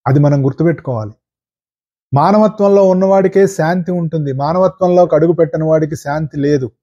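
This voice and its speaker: Man, spiritual teacher, earnest, somewhat high, mellow voice, dull lo-fi sound. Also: brisk. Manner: earnest, repetitive, asks rhetorical questions. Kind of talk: spiritual discourse.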